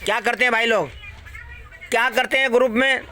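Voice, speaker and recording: A man's voice: very high-pitched, fairly even intonation, a little fast, pushed and bright, slight background noise. A man ranting casually at his viewers, repeating himself a lot and swearing freely as he warns them and gives betting tips. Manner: repetitive, preachy, swears freely. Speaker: satta tipster YouTuber.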